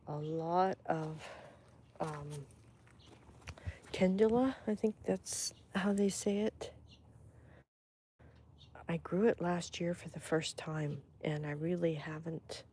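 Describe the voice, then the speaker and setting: A woman speaks in an unhurried, rambling way while she shows off her garden. She is filming herself on a handheld phone outdoors, and her voice sits slightly low. A faint outdoor ambience runs underneath. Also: a little mellow, slight background noise. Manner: chatty, rambling, fond of her plants. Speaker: host. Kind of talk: casual livestream chat and garden tour. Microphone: phone held in hand.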